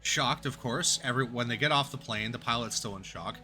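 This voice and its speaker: A man's voice: medium pitch, brisk, sharp tone, soft background music. A young man streaming a game, chatting casually and telling a long joke in a rambling way with restarts and chuckles.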